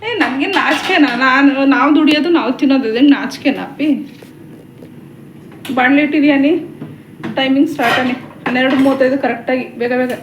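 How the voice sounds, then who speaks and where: A mother in her forties with a Kannada accent teases and bosses her daughter in a high, bright voice. She laughs easily and keeps the talk casual in a home kitchen at night. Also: a little fast, pauses often, noisy background. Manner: teasing, bossy, laughing. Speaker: vlogger, mother. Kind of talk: casual family chat.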